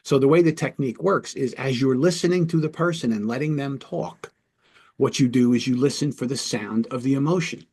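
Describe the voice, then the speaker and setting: Husky police trainer telling a story. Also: male voice, medium pitch, fairly quick, darkish tone. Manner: conversational, checks in with listeners. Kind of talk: instructional storytelling talk.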